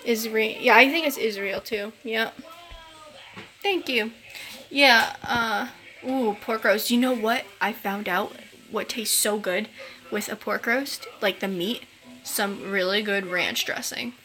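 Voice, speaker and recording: A woman's voice: a little high, takes it slowly, bright, forceful tone. Rambling, chatty young woman streaming live. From New England. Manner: rambling, chatty, with many fillers and swearing outbursts. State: tired. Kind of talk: casual live-stream chat.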